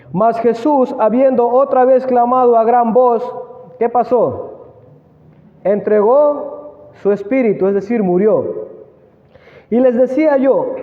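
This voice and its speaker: A man with a very high voice preaches a sermon, stopping often to put questions to the congregation. His words ring out with a long reverb in a big room. The sound is thin and tinny, like a phone line. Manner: asks the congregation questions, slow emphatic reading.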